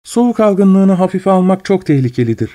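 A man's voice: high voice, big pitch swings, moderate pace, warm tone, pitched above the performer's own voice. A man voicing a fussy middle-aged mother who talks in a singsong voice. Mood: sugary. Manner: singsong, sugary.

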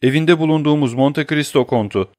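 A man's voice: on the high side, brisk, a little mellow, dry recording, studio quality, voice pushed up, close to an everyday voice. A man voicing a whining cowardly thief. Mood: sly. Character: cowardly scheming middle-aged male thief, pleading. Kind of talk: audiobook character voice.

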